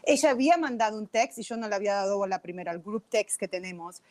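A woman's voice: mid-range voice, fast talker, darkish tone, no room sound. A woman chatting casually, talkative and dropping English words into her Spanish. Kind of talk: casual chat.

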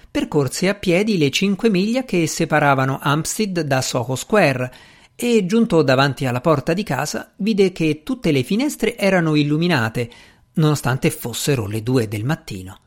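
A man narrating an audiobook in an expressive, theatrical reading style. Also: a little high, moderate pace.

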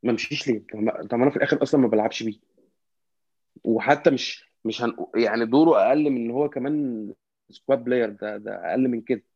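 A man with an Egyptian Arabic accent in casual football discussion, halting and repetitive as he searches for words. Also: medium pitch, darkish tone, no echo, lo-fi sound. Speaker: football fan commentator.

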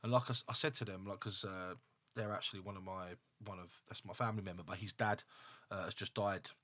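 Host, man, 30s, slightly low voice, blunt and sweary. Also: steady tone, fast, a bit bright. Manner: blunt, swears freely, many fillers. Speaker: podcast host. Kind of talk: casual interview chat.

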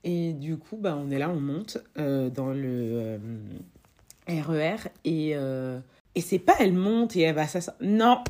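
A woman's voice: sits low, animated, a little slow, a little mellow. A woman recounting a personal anecdote in a casual voice note, chatty and full of fillers and asides. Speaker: podcast host telling anecdotes.

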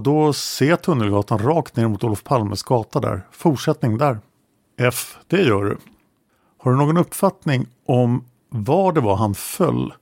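A man with a gravelly, fry-tinged voice reads an interrogation transcript aloud for a true-crime podcast, naming each speaker in turn. His delivery is measured and matter-of-fact, recorded close to the mic in a dry, dead room. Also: mid-range voice, a little mellow, no echo. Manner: measured, matter-of-fact reading that names each speaker before their lines.

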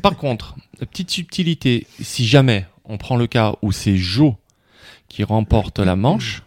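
A man's voice: medium pitch, animated, a little slow, no room sound. A man hosting a casual sports podcast and running a quiz, with a loose, joking delivery and lots of fillers. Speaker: podcast host and quiz master.

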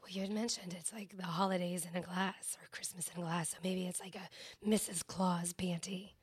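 A woman hosting a casual chat, asking questions in a soft-spoken way. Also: on the low side, fairly even intonation, fairly quick, breathy edge. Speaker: host.

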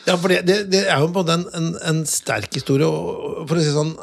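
A man with a slightly high, creaky voice hosts a podcast from a studio in a city. He chats casually with his interview guest, sounding hesitant and often restarting his sentences.

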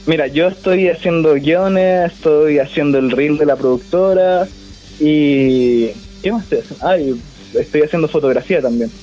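A man's voice: on the high side, normal speed, mellow, faint music behind. A teenage man with a Chilean accent, calling in and chatting casually in a slangy, hesitant, rambling way. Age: teens. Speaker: caller. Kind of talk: casual phone-in chat.

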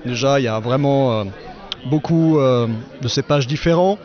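Relaxed young vineyard worker, muffled sound. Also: male voice, medium pitch. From Normandy, France. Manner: relaxed and chatty, quick to laugh. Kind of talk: festival interview. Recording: muffled lo-fi recording outdoors.

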